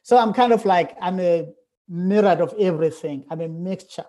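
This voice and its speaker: A man's voice: high-pitched, normal speed, dark tone. A South African man in his forties, a curate answering interview questions in a thoughtful, hesitant way with many fillers. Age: 40s. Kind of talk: casual interview.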